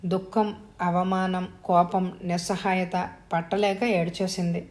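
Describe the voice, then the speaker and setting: A woman storyteller reading an audio story in a steady, even narration. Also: lowish voice, unhurried.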